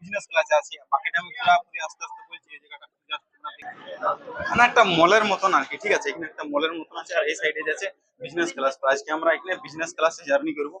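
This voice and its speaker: A man's voice: fairly high pitch, fairly even intonation, rapid-fire, sharp tone, slightly rough, dry recording. A young man narrating a casual travel vlog aboard a ferry, guiding viewers along with lots of fillers. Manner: chatty, guiding, frequent fillers. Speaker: vlogger.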